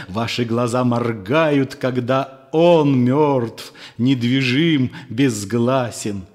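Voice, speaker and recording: A man voicing a bitter, scornful disciple who accuses with fierce passion, in a storybook reading. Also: medium pitch. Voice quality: fervent, accusing, sharply mocking. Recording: long room reverb.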